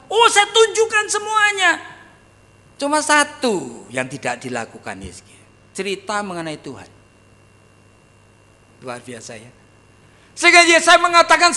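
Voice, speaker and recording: A man preaching a sermon as a pastor, telling stories with animated delivery and acting out the voices he quotes. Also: extremely high pitch, in a large hall. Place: church hall.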